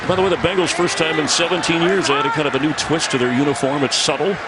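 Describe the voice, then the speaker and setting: A man's voice: a little high, steady tone, rapid-fire. A man giving live American football commentary as a broadcast announcer. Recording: very noisy broadcast clip.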